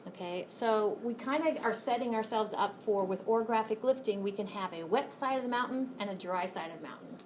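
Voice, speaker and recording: A woman's voice: on the high side, a little hiss or hum. A woman lecturing a college class, walking through each step and checking in with "okay?".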